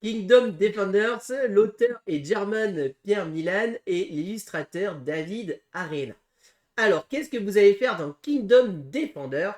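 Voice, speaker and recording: A man co-hosting a casual board game preview, talking through game rules with frequent pauses and restarts. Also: sits high, animated, a little mellow. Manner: hesitant, full of pauses and restarts while explaining rules. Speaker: board game channel co-host.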